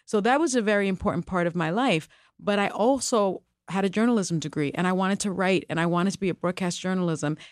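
With a fairly low pitch, this middle-aged woman, Spanish being her first language, gets animated and emphatic in an interview where she acts as co-host and guest, laughing and restarting as she speaks candidly. The audio is studio quality and echo-free.

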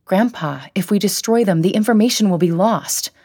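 A woman voicing an anxious, earnest young granddaughter who pleads in a raised, quick voice. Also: dark tone, husky, no echo, clean studio sound. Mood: pleading, anxious. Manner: pleading, higher and quicker than the narration.

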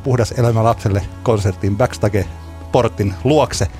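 A man co-hosting a podcast, casually telling a long anecdote in a relaxed storytelling way. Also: on the low side, soft background music. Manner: relaxed storyteller, laughs at his own tale. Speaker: podcast co-host.

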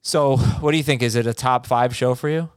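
An American man hosts a loose podcast chat in a medium-pitched voice. He speaks informally and offers his opinions freely. The sound is dry, with hardly any room in it. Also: fairly even intonation, fairly quick, smooth, no echo. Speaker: podcast host. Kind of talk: casual chat, TV show discussion.

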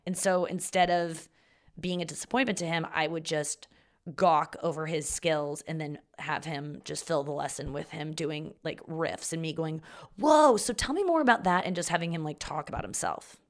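Low-pitched woman podcaster with vocal fry. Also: level tone, normal speed. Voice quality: vocal fry, talking from the back of the throat. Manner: rambling, self-deprecating, swears casually. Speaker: podcast host and comedian. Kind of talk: casual solo podcast monologue.

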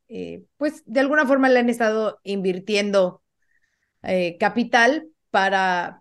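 A woman hosting a podcast in casual chat, explaining things for listeners in a measured way with "eh" and "pues" fillers. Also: mid-range voice. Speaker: podcast host.

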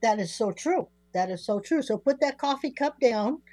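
A woman's voice: a little high, animated, moderate pace, dark tone, no room sound. An older woman co-hosting a radio show from home in casual, chatty, playful talk. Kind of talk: casual chat. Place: home studio.

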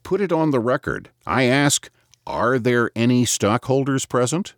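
A man voicing an impudent, scornful old moneylender who calls out in a high, mocking voice, read as an audiobook. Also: wildly swooping pitch, measured pace, no echo, clean studio sound, exaggerated voice. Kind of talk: audiobook reading.

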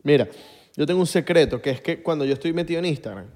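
Animated Venezuelan guy, joking around. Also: fairly high pitch, quick pace, in a large hall. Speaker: podcast co-host. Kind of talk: casual chat.

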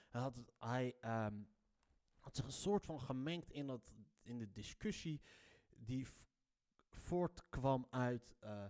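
A man giving an opinionated podcast monologue. He talks in a heated, emphatic way and keeps restarting his sentences. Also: medium pitch. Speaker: podcast host.

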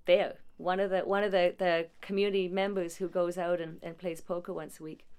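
Smooth-voiced woman telling stories. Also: fairly low pitch, level tone, fairly quick. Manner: warm storytelling with frequent restarts and small laughs. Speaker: director at a non-profit support agency. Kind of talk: conversational interview answer.

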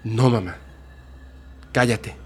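A man's voice: mid-range voice, takes it slowly, a little mellow, slight background noise, lightly acted. A man voicing a young girl who firmly pleads with her mother's ghost in a spoken horror story. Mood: firm, imploring. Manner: firm, imploring.

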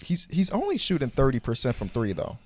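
A man's voice: medium pitch, huge pitch swings, brisk. A man co-hosting a basketball podcast who laughs often and makes reasoned points. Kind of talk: casual sports debate.

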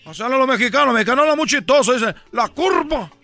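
A man's voice: very high-pitched, rapid-fire, gravelly, bright, forceful tone, exaggerated voice. A man voicing a boastful male baseball player who talks with a put-on Caribbean Spanish accent and drops his R's, teasing and bragging in a radio comedy sketch. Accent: put-on Caribbean Spanish, dropping the R. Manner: brash, bragging, teasing, chuckling.

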